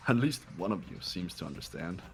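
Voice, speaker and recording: In an amateur voiced playthrough of a game, a man voices an arrogant, cold young heir, talking formally and condescendingly in a haughty tone. His low voice is animated and a little fast, with some vocal fry, over soft background music.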